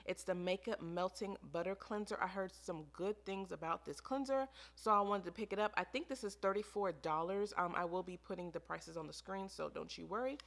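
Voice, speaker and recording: An American beauty vlogger chats casually to camera while reviewing products, informal and emphatic, repeating phrases to drive points home. Her medium-pitched voice is creaky with a fairly bright tone.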